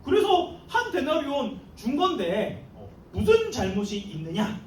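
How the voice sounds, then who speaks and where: A man playing a calm firm vineyard owner. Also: very high-pitched, a little slow, slight background noise, heavily acted. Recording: echoey room, mic far off.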